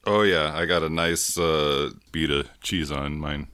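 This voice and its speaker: Very deep-voiced jokey man. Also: steady tone, measured pace, bright, forceful tone, clean tone, no echo, clean studio sound. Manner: jokey, mock-formal, talks with mouth full. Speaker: co-host. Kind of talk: casual food-tasting chat.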